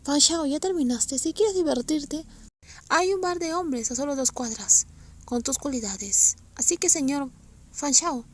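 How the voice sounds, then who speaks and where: A woman voicing a cold, weary male film director in a read-aloud story, speaking curtly and quietly. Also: high voice, lively intonation, brisk. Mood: angry.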